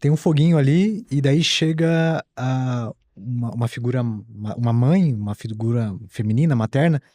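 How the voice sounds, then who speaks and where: A man hosting a podcast, telling a personal story in a relaxed, chatty way. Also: mid-range voice, normal speed, no room sound. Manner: relaxed storytelling with fillers and restarts. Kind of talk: casual podcast chat.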